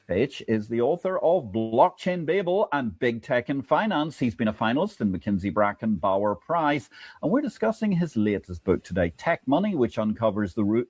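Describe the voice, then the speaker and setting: A man's voice: husky, no room sound. A man hosting a finance livestream, delivering opinionated market commentary and interviewing a guest in an emphatic, wry manner. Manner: animated, emphatic delivery with wide pitch swings. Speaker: livestream host. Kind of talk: finance show monologue and interview.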